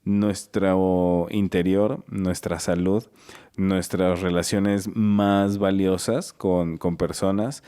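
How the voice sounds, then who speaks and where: A man's voice: low voice, level tone, slow, mellow, clean tone. A young man, co-hosting a podcast and talking through his ideas at length in a reflective, casual way. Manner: reflective, explains at length with many asides. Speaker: podcast co-host.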